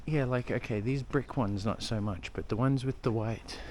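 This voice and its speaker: A man's voice: medium pitch, moderate pace, darkish tone. A young Australian man vlogging as he walks through old-town streets, holding the camera and rambling casually with the odd swear. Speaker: travel vlogger. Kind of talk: casual rambling walk-and-talk. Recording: clear street and traffic noise.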